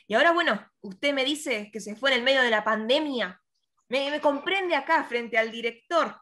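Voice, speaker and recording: A woman's voice: high voice, moderate pace, bright, forceful tone. A woman playing a fussy, formal office secretary who gets flustered. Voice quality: prim, formal and easily flustered. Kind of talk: amateur theatre play over video call.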